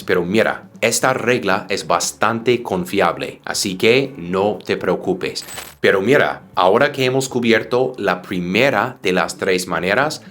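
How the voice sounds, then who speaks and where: A man teaching English pronunciation, modeling words slowly and carefully for his students. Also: on the low side, fairly bright tone. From United States.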